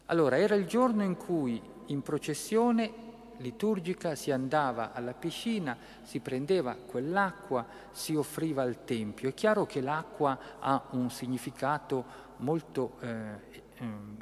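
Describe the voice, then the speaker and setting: A man preaching a sermon on a Gospel passage, slow and emphatic, asking his listeners "no?" as he goes. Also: medium pitch, animated, long reverb tail. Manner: slow, emphatic, with rhetorical "no?" tags.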